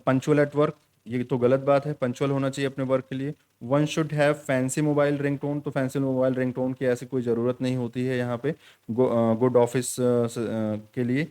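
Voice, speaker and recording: A man teaching an exam-prep lesson with a mellow, relaxed voice of middling pitch. He explains each point at length, reads the English quiz lines out slowly and keeps checking in with his students. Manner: repeats "ठीक है" often.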